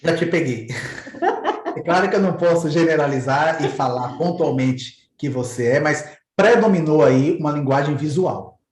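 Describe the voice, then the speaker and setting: A man's voice: a little high, normal speed, a little mellow. Echoey man explaining in a conversational way. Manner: conversational, repeats words while searching. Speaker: host explaining neuro-linguistic programming. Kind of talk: casual explanatory talk with examples. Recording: roomy echoey recording.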